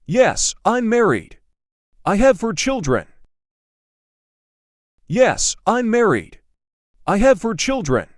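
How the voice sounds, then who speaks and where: A man reading a polite learner's part in a scripted practice dialogue for English learners, speaking slowly and carefully enunciating each line. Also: high-pitched, wildly swooping pitch, no room sound, studio quality, heavily acted. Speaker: dialogue reader.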